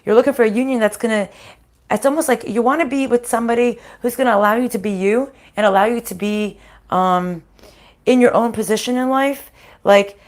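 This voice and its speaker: Hosting a live spiritual card reading, a woman still getting over a sinus infection sounds groggy and a bit hoarse, her voice sitting a little high. She thinks aloud casually, in a halting, chatty way.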